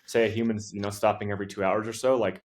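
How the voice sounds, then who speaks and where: A fast-talking man with a fairly low voice tells rambling stories as a podcast guest. He piles on fillers and restarts, and now and then acts out the people he quotes. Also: little pitch movement. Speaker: podcast guest, pro gravel racer. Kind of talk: casual chat.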